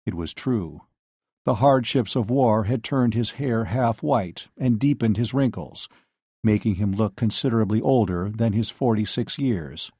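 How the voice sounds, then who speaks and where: Brief: male audiobook narrator, mellow and warm, dry close recording. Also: on the low side, a little slow, breathy edge, dry recording. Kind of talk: scripted novel narration.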